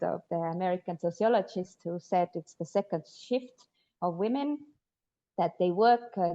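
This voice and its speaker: A woman's voice: fairly low pitch, warm tone, dull audio. A woman from Estonia, a guest sociologist answering interview questions thoughtfully with frequent hesitations. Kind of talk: interview conversation.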